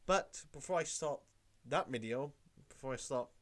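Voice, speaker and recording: A young Welsh YouTuber with a cold rambles through a casual tutorial vlog from his room at home, repeating himself. His mid-range voice has a fairly bright tone and a moderate pace.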